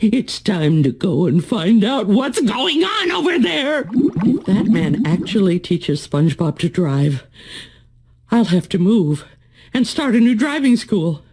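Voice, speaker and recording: An actress playing an exasperated middle-aged pufferfish driving teacher in a cartoon game, prim and melodramatic, with a husky voice. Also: female voice, mid-range voice, very animated, slow, a little mellow, a little hiss or hum. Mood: panicked, indignant. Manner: melodramatic, prim, strained patience.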